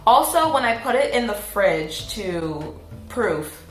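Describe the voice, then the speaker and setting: A woman's voice: mid-range voice, big pitch swings, slow pace. A woman taste-testing her own cookies in a casual, enthusiastic vlog. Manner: chatty, enthusiastic, filler-heavy. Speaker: recipe vlogger. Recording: roomy echo, faint music behind.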